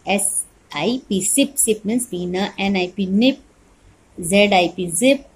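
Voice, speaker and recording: A woman's voice: medium pitch, a little hiss or hum. A woman teacher giving an online phonics lesson to small children, spelling words out letter by letter and answering her own questions. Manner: spells words letter by letter, then says them slowly; asks questions and answers them herself.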